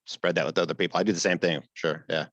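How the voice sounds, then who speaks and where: A man's voice: low-pitched, steady tone, quick pace, a bit bright, no echo. A man, hosting a casual podcast interview and chiming in with easy, affirming remarks. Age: 50s. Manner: easygoing, affirming with frequent "right, right". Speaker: podcast host.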